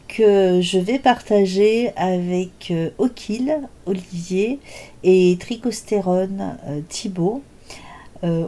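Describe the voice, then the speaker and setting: An older woman hosts a knitting podcast, showing her work in a casual show-and-tell chat. She speaks hesitantly with lots of filler sounds, in a lowish, warm voice.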